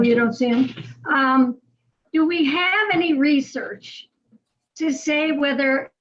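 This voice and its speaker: A woman moderating an online talk, reading out audience questions with hesitant pauses. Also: sits high, a bit bright. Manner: hesitant, searching for words. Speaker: event moderator. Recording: dull lo-fi call audio with faint noise.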